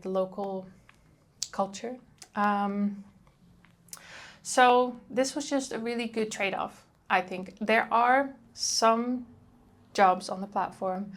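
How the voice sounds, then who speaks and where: With a medium-pitched voice, a young Dutch woman talks casually to camera in her travel vlog. Her Dutch accent comes through, and she leans on ums and likes a lot.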